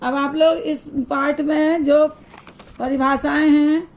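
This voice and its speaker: A woman teaching a primary school lesson, explaining slowly and answering her own questions as she goes. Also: high-pitched, flat delivery, darkish tone, dull audio. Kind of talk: recorded classroom lesson.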